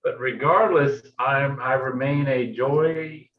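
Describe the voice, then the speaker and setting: A man in his fifties talks slowly in a relaxed, reminiscing way. He sits well back from the mic. The sound is echoey and dull, like a remote feed. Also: mid-range voice. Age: 50s. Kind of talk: casual chat. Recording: distant, roomy, dull remote audio.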